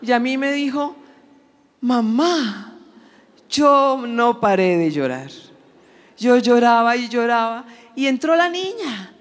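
A woman giving an emotional church testimony, telling her story in an animated way and acting out the dialogue. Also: a little high. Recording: long hall reverb.

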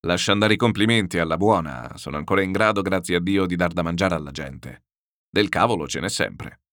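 A man's voice: low voice, fairly quick, a bit bright, dry recording, studio quality. A man doing a hearty, laughing old general. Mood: jovial, laughing. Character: jovial, boisterous old general, laughing loudly.

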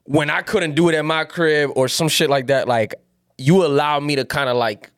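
A man's voice: on the high side, steady tone, normal speed, a bit bright, smooth, no echo, clean studio sound. A man in a casual chat, telling things in a slangy, rambling way full of bro talk. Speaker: music producer.

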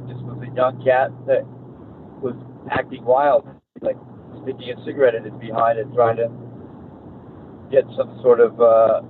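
A man, an actor guest, telling rambling, profane stories in casual chat. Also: mid-range voice. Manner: rambling, profane, animated anecdotes. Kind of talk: casual storytelling. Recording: tinny phone-like line, noisy.

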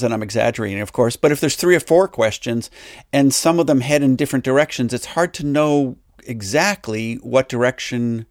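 A man with a mid-range voice hosts a conversation about storytelling. He speaks in a measured, reflective way and slows down to make a point. The recording is close and dry, with no room sound. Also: mid-range voice, darkish tone, no room sound. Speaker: host interviewing podcast makers. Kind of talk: reflective interview and narration.

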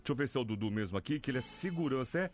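A Brazilian man hosting a morning radio show, teasing and bantering with quick interjections. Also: medium pitch, expressive, slight background noise.

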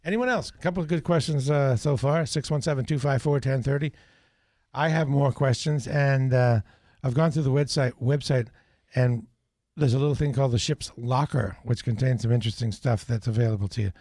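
A man's voice: medium pitch, a little fast, darkish tone, no echo, studio quality. A male radio talk show host interviewing guests, asking pointed questions in a casual way. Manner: curious, asks pointed questions.

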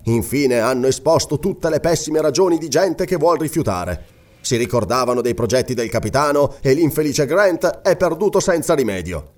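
A man's voice: on the high side, expressive, moderate pace, close to an everyday voice. Storybook lord, furious and wounded in pride, read by a man. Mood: bitter. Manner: bitter, raised delivery. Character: indignant Scottish lord, husband.

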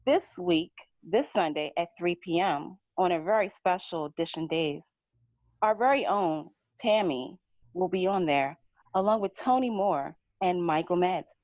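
A woman's voice: lowish voice, measured pace, a little mellow, dry recording. Chatty woman co-host, dull dry sound. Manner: chatty, giggly, playful. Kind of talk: casual show chat.

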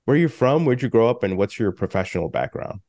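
A man's voice: fairly low pitch, big pitch swings, fast talker, a little mellow, no room sound. A man hosting a crypto podcast, reading a sponsor spot and greeting his guest in a friendly, upbeat way. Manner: upbeat and friendly, some fillers. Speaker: podcast host. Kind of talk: podcast interview and read ad.

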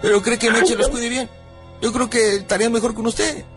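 A man's voice: very high-pitched, steady tone, normal speed, music in the background. A man with a Mexican accent, an angry, swearing son-in-law speaking in short bursts on a phone call. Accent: Mexican Spanish. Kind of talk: heated phone conversation.

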